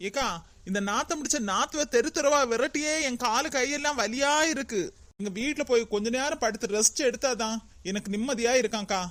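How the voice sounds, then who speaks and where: A woman's voice: on the high side, a little fast, a bit bright, close to an everyday voice. A woman voicing a worn-out young wife in a cartoon, complaining in an exasperated way with a Kanyakumari Tamil accent. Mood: fed up.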